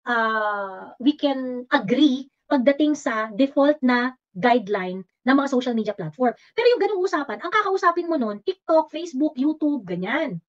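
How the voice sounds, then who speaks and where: A woman's voice: high-pitched, sing-song, moderate pace. A woman with a Filipino accent hosting a casual livestream, combative and teasing, mixing English into her talk. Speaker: livestream host. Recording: slightly dull lo-fi audio.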